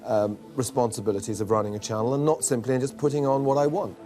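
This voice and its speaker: A man answering defensively and haltingly in an old television discussion. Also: mid-range voice, fairly even intonation, music in the background. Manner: defensive, hesitant with fillers. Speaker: channel executive. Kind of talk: archival TV discussion.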